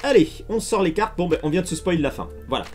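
This card unboxing YouTuber is a fast talker, chatty and excitable, with a fairly high voice. He rips open trading card packs while casually addressing his viewers, soft music drifting faintly beneath him.

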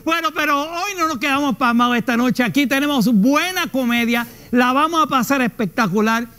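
A man's voice: very high voice, a little fast. A man with a Puerto Rican accent hosting a studio comedy show, telling a story animatedly and acting out the other people in it. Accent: Puerto Rican Spanish. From Puerto Rico. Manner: animated storyteller, acts out voices with shrieks. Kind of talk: comic storytelling monologue. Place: television studio.

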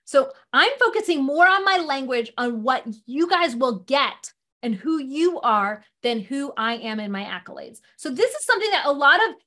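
High-pitched lady teaching a live class online, chatty and jokes at her own expense. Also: big pitch swings, normal speed, bright, forceful tone. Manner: chatty, self-deprecating, laughs at herself.

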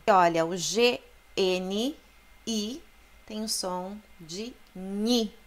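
A woman from Brazil teaching an Italian pronunciation lesson, explaining patiently and sounding out Italian words aloud. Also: mid-range voice. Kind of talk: language lesson.

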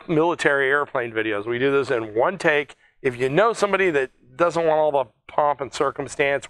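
A man's voice: mid-range voice, fairly bright tone, low-quality recording. A man hosting an air museum video in a chatty, joking, rambling way, with restarts. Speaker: museum host. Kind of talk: casual one-take video talk.

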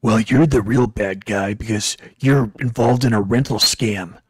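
A man's voice: lowish voice, a little slow, husky, no room sound, pitched below the performer's own voice. A man putting on the voice of his grandiose, defensive roommate of nearly fifty, who answers in an indignant, accusing way.

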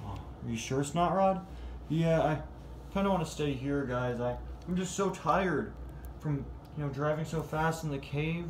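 A man voicing a tired, sneezy male toy car who keeps apologizing in a gentle, worn-out way. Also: on the high side, a little slow, reverberant, a little hiss or hum, lightly acted. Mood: weary.

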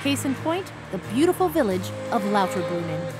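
A woman giving scripted travel narration in a lively storytelling way. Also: medium pitch, normal speed, over music.

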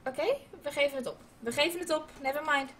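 A woman's voice: high voice, quick pace, fairly bright tone, a little hiss or hum. A woman giving casual, swear-heavy commentary while playing a computer game at home, chatting to her viewers and dropping in English phrases. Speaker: gaming video host. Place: indoors at a computer, wearing headphones.

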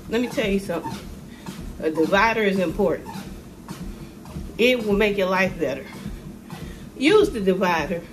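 A middle-aged woman ranting to a phone camera in a casual vlog, animated and sassy, with sudden high exclamations. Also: a little hiss or hum. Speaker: vlogger. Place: room with ceiling lights, indoors. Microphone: phone camera held below face.

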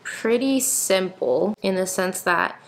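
A woman's voice: mid-range voice, animated, slow pace, slight background noise, low-quality recording. A woman in her twenties talking casually to the camera in a chatty, explanatory way, like a vlogger, indoors at home. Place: indoors in an apartment.

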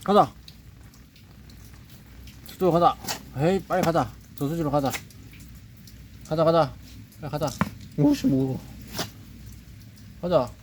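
On a rainy day by a reservoir, a nature vlogger films outdoors, nervously muttering to himself while coaxing an animal along. His voice is a little high and darkish, slow with frequent pauses, and the outdoor recording carries clear background noise.

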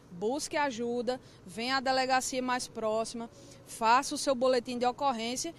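Measured female police captain outdoors. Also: on the high side, slight background noise. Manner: measured, instructive. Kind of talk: official guidance in an interview. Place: outdoor parking lot. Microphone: reporter's handheld mic.

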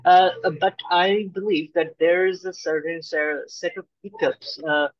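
A young man interviewing casually over a video call, speaking in a halting way with dull, lo-fi sound. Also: sits high, fairly even intonation, no room sound. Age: young adult. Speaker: interviewer, host. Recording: dull lo-fi call audio, dry.

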